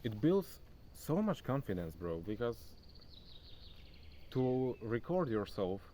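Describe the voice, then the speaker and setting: Outdoors near a forest in the countryside, a young non-native English speaker records a relaxed phone vlog, chatting loosely and addressing the viewer as "bro." He speaks at a medium pitch with big swings, slowly and mellowly. Slight background noise mixes with faint insects and nature sounds.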